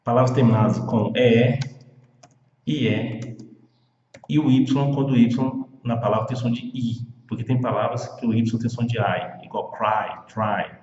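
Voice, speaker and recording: A man who speaks Portuguese natively, teaching an English pronunciation lesson and repeating words slowly and patiently. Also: medium pitch, steady tone, darkish tone. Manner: slow, repetitive drilling of words. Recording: echoey room, dull lo-fi sound.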